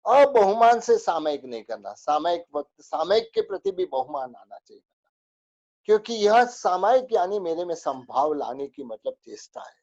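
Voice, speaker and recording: A man's voice: high-pitched, very animated, moderate pace, a little mellow, highs cut off. A man teaching a spoken religious lesson, going through a list of rules with many fillers.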